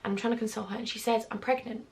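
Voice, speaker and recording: English woman, 20s, slightly high voice, chatty rambling storytime vlogger. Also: level tone, rapid-fire, a little mellow. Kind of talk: storytime vlog.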